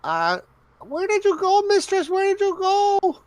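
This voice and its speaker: A man voicing a timid little male goblin servant with a squeaky, panicky voice. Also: very animated, measured pace, no room sound, exaggerated voice. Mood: anxious.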